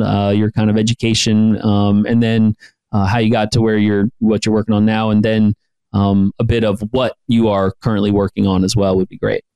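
A man's voice: on the low side, darkish tone, clear, resonant tone, no echo, poor audio. A man hosting an interview podcast, rambling and friendly as he thinks aloud. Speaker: podcast host.

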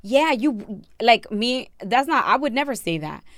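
A woman's voice: fairly high pitch, lively intonation, a little slow, no room sound, clean studio sound. A young woman co-hosting a podcast, talking candidly and bluntly in casual chat, often laughing. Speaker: podcast co-host.

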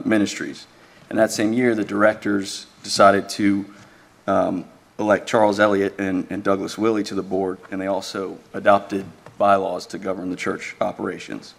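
A man speaking as an attorney, giving a measured, deferential, formal oral argument in a courtroom. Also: on the low side, creaky. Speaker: attorney arguing an appeal.

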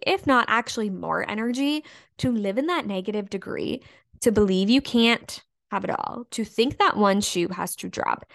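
A young adult woman hosting a solo podcast as a business coach, talking casually and emphatically, full of "like" and the odd swear word. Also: on the high side.

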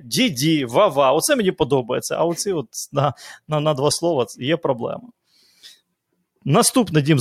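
A man's voice: on the high side, vocal fry. A man who works as a football commentator, co-hosting a casual podcast chat, rambling and correcting himself as he talks.

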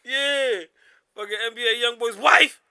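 A man's voice: extremely high pitch, a little slow, sharp tone, smooth, no echo, studio quality. A man in casual group banter, ribbing in a brash, opinionated and contrary way with heavy profanity.

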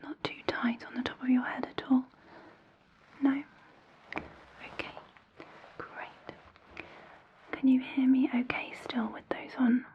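A woman whispering slow, reassuring instructions in an ASMR hearing-test roleplay. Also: high-pitched, little pitch movement, lo-fi sound.

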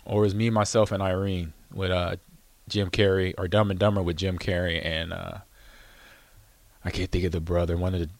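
A low-voiced man hosting a casual talk show, rambling through a story with plenty of fillers and easy laughter. The sound is dry and close, with no room in it. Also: flat delivery, moderate pace, dry recording. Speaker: show host, former football player. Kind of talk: casual chat.

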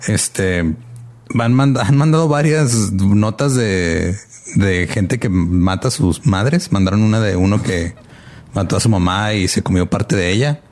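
A man's voice: fairly low pitch, unhurried, a little mellow. A young man co-hosting a podcast in casual, slangy chat, often laughing. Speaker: podcast co-host.

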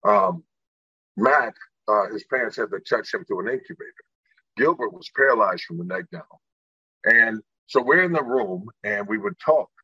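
A man's voice: medium pitch, very animated, moderate pace, creaky, bright, forceful tone, husky, dry recording, highs cut off. A middle-aged man from Indiana, a guest telling his life story earnestly and acting out the people in it. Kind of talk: personal storytelling in an interview.

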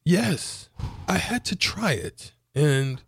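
A male radio co-host in casual, joking banter who gets excitable and hypes himself up. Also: on the high side, slow, creaky, husky, dry recording, clean studio sound. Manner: excitable, joking, shouts out and laughs.

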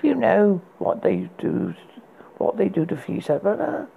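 A man voicing a cold, threatening enchantress who speaks slowly and coolly, higher than his own voice. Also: sing-song, creaky, narrow, tinny audio, a little hiss or hum, exaggerated voice. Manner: cool, slow, threatening. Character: cold menacing enchantress, ageless woman.

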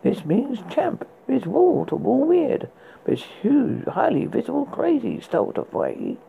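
A performer playing a spooky horror host, reading recommendations in a husky, gravelly voice with a halting, stumbling delivery. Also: high voice, huge pitch swings, phone-quality sound, a little hiss or hum, exaggerated voice. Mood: playfully macabre. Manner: halting read with stumbles and repeated words. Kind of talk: scripted horror book and film recommendations read as a horror host.

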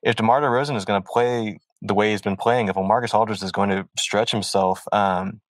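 Deep-voiced thoughtful podcast host. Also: male voice, steady tone, no room sound, poor audio. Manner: thoughtful and measured, with many ums. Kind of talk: casual sports chat.

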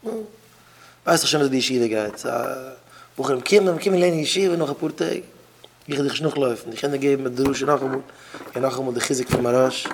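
A man preaching to a room of students in an unpolished, conversational sermon. His pitch sits in an ordinary middle range as he hammers lines home by saying them twice. He jumps from loud bursts to quiet asides, with a faint hiss of noise behind him. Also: fast. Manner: emphatic, repeats phrases for effect. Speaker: rabbi giving a talk.

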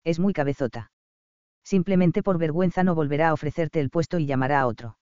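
A man's voice: a little high, fairly quick, darkish tone, clear, resonant tone, no echo, close to an everyday voice. Chatty meddling mother, read by a man, dry dull audio. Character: cheerful, meddling middle-aged mother on a ranch.

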